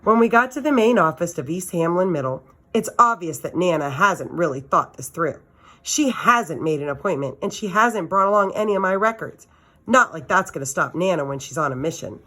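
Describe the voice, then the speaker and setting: With a slightly low, somewhat bright voice, a woman reads a children's novel briskly and expressively. Her narration feels like a teacher sharing a story with students.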